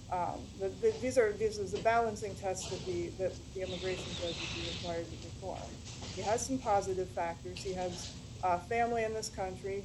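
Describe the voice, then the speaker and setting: A woman attorney delivers a formal oral argument at an ordinary pitch, pausing on ums and restarting phrases. Her voice drifts from a distant microphone. The hearing audio carries a clear layer of background noise. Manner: hesitant, frequent ums and restarts. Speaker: attorney arguing an appeal. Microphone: distant microphone, voice fading in and out. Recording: noisy courtroom hearing audio, distant mic.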